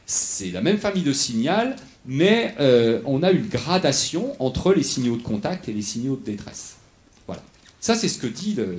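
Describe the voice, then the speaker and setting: A man giving a lecture, explaining step by step, often restarting and checking in with the audience. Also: medium pitch. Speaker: researcher giving a lecture on animal acoustics.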